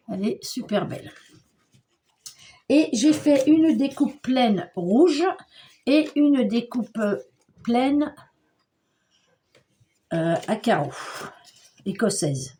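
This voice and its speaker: An older woman talks through a craft tutorial at an unhurried pace. Her voice sits a little high but has a soft, mellow color. She keeps up a friendly, homely running commentary on what her hands are doing. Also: big pitch swings, slight background noise. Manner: chatty, homely, narrates her hands at work. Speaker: scrapbooking crafter.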